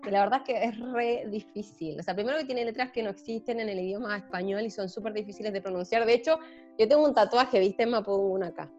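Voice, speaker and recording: A woman's voice: medium pitch, fast talker, darkish tone. A Chilean woman with a Chilean accent chatting casually with friends, talkative and self-deprecating with lots of fillers. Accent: Chilean Spanish. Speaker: band member introducing herself. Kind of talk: casual group chat. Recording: slightly muffled, faint guitar music behind.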